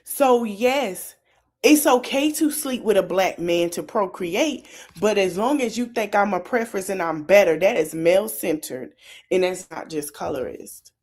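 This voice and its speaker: Animated woman podcast host. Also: mid-range voice, unhurried. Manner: animated, laughs, acts out quotes. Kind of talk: casual commentary chat.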